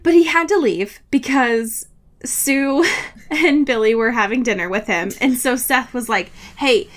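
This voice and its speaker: A woman co-hosting a podcast casually recaps a book, gushing, swearing and often laughing. Her voice is a little high and unhurried.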